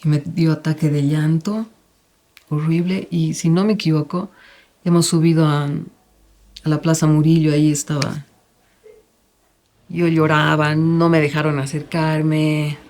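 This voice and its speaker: A woman recalling a painful memory in a documentary interview, talking in a subdued, halting way. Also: deep voice, flat delivery, darkish tone. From Bolivia. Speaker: interviewee, daughter.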